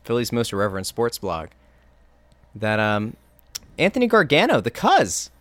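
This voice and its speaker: A man's voice: mid-range voice, huge pitch swings, normal speed, no room sound. A man co-hosting a podcast, joking and teasing in casual chat. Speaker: podcast co-host.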